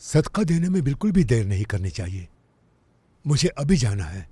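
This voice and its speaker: A man dubbing a gentle but stubborn father who pleads with a child and evades his wife. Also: medium pitch, sing-song, moderate pace, slightly rough, no echo. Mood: evasive. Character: secretive middle-aged father, gentle yet stubborn. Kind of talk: Urdu film dubbing. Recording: music playing behind. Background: music.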